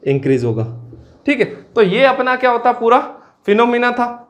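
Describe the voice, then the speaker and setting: A man teaching an engineering exam class, asking questions and answering them himself, repeating key terms slowly. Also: very animated. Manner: drops to low, quiet asides on filler words. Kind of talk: classroom lecture.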